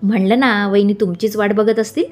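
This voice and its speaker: A woman's voice: mid-range voice, steady tone, a little fast, lightly acted. Woman voicing a cheeky young assistant guy, teasing and pouty, storybook reading. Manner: teasing, pouting.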